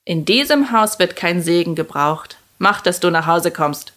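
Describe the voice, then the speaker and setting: A woman's voice: fairly low pitch, animated, a bit bright. A woman doing growling old witch Baba Yaga. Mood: gruff. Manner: growling, slow and sly.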